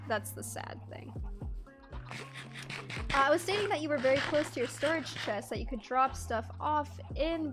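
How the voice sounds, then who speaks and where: A Canadian-born woman streaming a game, chatting casually and reading chat aloud, laughing often. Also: sits high.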